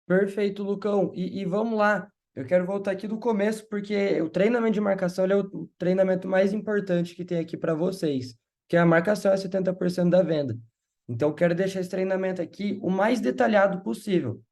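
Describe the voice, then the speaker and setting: A man's voice: high voice, fairly even intonation, gravelly, darkish tone. A man with a Brazilian Portuguese accent giving a casual sales training talk and acting out sample phone calls. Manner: acts out calls in quick shifts of voice. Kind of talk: casual training talk with role-play examples.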